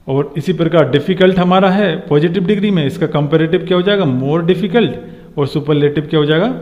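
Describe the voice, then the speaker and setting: A man with a fairly high voice teaches a grammar lesson, asking rhetorical questions and slowing down to spell out letters. The sound is dull and lo-fi, with a long reverb trailing each phrase. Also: darkish tone.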